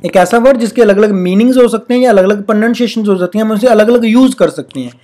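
A teacher gives a spelling lesson, reading rules slowly and deliberately, repeating example words, and explaining at a patient, steady pace. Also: medium pitch. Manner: reads English rules out slowly and deliberately, then explains in Hindi. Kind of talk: recorded classroom-style lesson.

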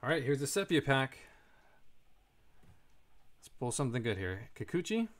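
Male host, mid pitch, casual card-break commentary, reads names and answers chat. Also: big pitch swings, normal speed.

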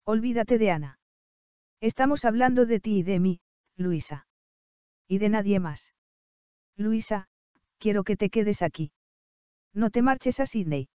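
Woman doing a young male prince, tender, anxious, hushed, low, warm smooth voice, dry dull recording. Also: expressive, measured pace, long pauses, dry recording, lightly acted. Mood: pleading.

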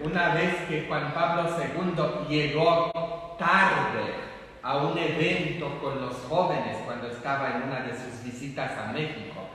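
A priest, giving a chatty, humorous homily in a large empty church. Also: male voice, a little high, fairly bright tone, slight background noise. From Poland. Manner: slow, chatty and humorous, many fillers. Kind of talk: conversational homily. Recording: echoey church hall from far off.

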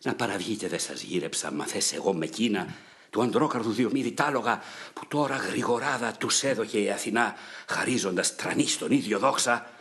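Guy reading a young chariot driver yelling at his horses, urgent and bossy. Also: fairly low pitch. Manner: urgent, commanding.

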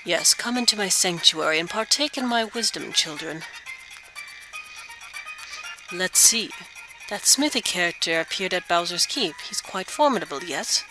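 A woman voicing an old, wise, kindly male frog sage from a video game, speaking in measured, formal phrases. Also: on the low side, animated, over music, lightly acted, rough recording. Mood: grave, patient. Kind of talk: video game dialogue read aloud.

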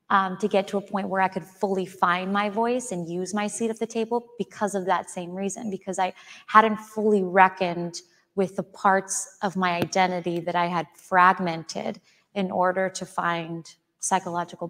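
A woman's voice: mid-range voice, fairly even intonation, normal speed, fairly bright tone. A woman in her thirties, originally from Chile, speaking earnestly as an author guest in an onstage interview before an audience. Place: auditorium stage before an audience. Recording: hall with long reverb.

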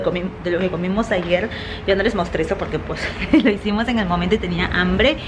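A woman's voice: medium pitch, noisy background. A woman chatting casually to her viewers while showing her plants and doing house chores. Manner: chatty, addresses viewers as "chicos". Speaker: vlogger. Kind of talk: casual vlog chat. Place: at home, house and garden.

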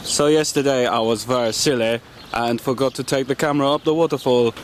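A man's voice: mid-range voice, a little fast. A man chatting casually and playfully while filming a travel vlog outdoors. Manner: playful, joking, excitable. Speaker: vlogger. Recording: loud outdoor traffic noise.

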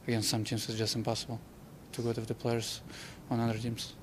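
A young man, a hockey player, giving a halting postgame interview in a locker room with simple, broken phrasing. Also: medium pitch, completely flat delivery, a little hiss or hum.

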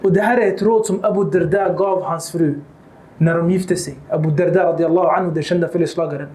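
A man giving a religious lecture, animated and acting out quoted dialogue, with Arabic quotations mixed in. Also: fairly high pitch, echoey room. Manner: mixes Arabic quotations into Swedish. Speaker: Islamic lecturer. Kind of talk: lecture on the life of the Prophet.

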